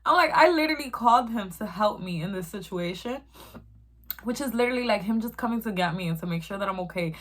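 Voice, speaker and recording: A woman's voice: medium pitch, expressive, quick pace. A young woman, telling a profane, emphatic story in casual chat as she eats. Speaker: vlogger. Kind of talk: casual storytime while eating.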